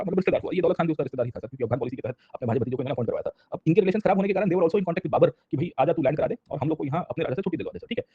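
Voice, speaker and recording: A man teaching an exam-prep history lecture, switching between Hindi and English and often pausing to check that students follow. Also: fairly high pitch, breathy edge, no echo, lo-fi sound. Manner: mixes Hindi and English, keeps checking in with listeners.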